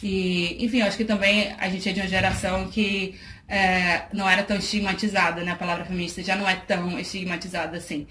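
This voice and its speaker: A woman talks through her answers at an easy, reflective pace, pausing and restarting as she thinks. The room around her is echoey, with a faint hiss under the voice. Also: lowish voice, flat delivery, fairly bright tone. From Salvador, Bahia, Brazil. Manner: thoughtful, many fillers and restarts, laughs easily. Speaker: guest, charity project worker. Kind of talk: casual interview talk.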